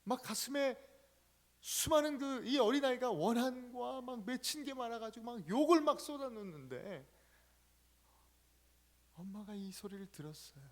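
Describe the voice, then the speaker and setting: A male pastor preaching a sermon, telling stories emphatically with sharp swings in loudness. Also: very high-pitched, expressive, normal speed, long pauses.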